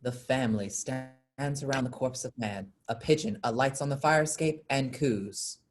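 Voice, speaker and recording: This woman has a bass voice and talks at normal speed, with a little background noise audible. She narrates a staged reading's stage directions before hosting informal audience questions.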